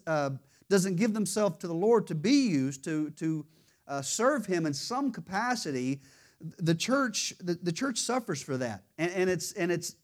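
A woman's voice: lowish voice, darkish tone. A woman teaching a church lesson in a conversational way, often restarting and repeating words, and quizzing her listeners. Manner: quizzes the audience with questions. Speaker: Bible study teacher.

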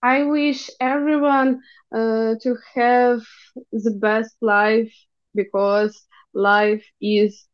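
A young Ukrainian woman with a Ukrainian accent, haltingly searching for English words as she gives a personal account in an interview. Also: on the high side, little pitch movement, clear, resonant tone, highs cut off. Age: young adult. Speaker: interview guest.

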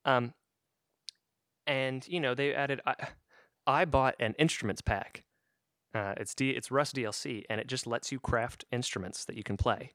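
A podcast co-host chats casually about gaming, explaining things at length at an easy, normal pace with plenty of ums and restarts. His mid-range voice is a bit bright, recorded at studio quality with no room sound.

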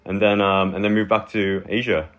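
A Hong Kong man in his thirties speaks at a normal pace in a fairly low voice, with the high frequencies cut off. He's a guest in a casual chat, relaxed and rambling, leaning heavily on fillers like "like" and "you know."

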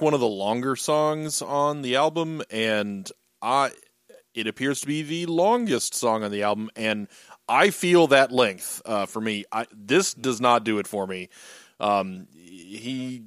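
A man co-hosting a music podcast, giving measured, hesitant critique. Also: medium pitch, a bit bright, no echo, studio quality. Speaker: podcast co-host. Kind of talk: casual chat.

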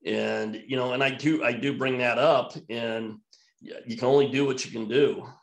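A man's voice: medium pitch, steady tone, moderate pace, creaky, reverberant. A man who works as an emergency physician, talking bluntly and emphatically as a guest in a podcast conversation.

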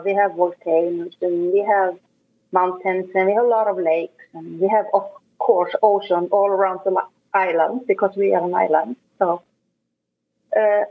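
An Icelandic woman speaks English as a second language, her words plain and unhurried and broken by pauses. Her tone stays flat and level. The sound is thin and phone-like, as if it comes through a video call. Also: mid-range voice, husky. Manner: plain, halting phrasing with pauses. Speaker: guest. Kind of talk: casual interview chat. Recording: tinny phone-like call audio.

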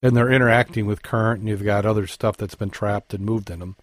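Low-voiced man reading dive news. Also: fairly even intonation, no room sound. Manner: halting, with fillers and self-corrections. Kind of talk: casual news reading and chat.

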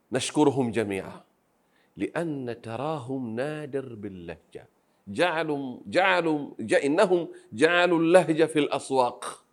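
A man from Pemba, by birth, answers an interviewer's questions. He speaks earnestly and humbly in a soft voice and often restarts his phrases. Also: medium pitch. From Pemba, Zanzibar. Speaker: Arabic grammar teacher, interview guest. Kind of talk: interview conversation.

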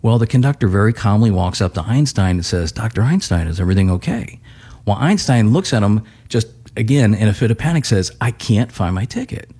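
A man's voice: on the low side, animated, fairly quick, warm tone, slightly rough. A man who works as a financial advisor, giving an interview in a folksy, storytelling manner with many filler words.

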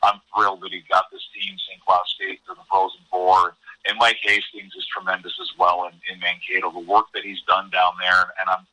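With a low, monotone voice that sounds pushed and bright, an American man talks fairly quickly as a college hockey commentator guesting on a podcast. His sports analysis is earnest, emphatic, and conversational, and he often repeats words. The recording is rough.

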